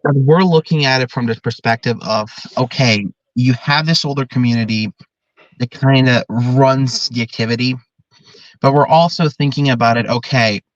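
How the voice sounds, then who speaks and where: A man's voice: medium pitch, no echo, lo-fi sound. A man in his early twenties, a drum corps director, talking earnestly and at length in a podcast interview. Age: 20s. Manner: earnest, talkative, explains at length.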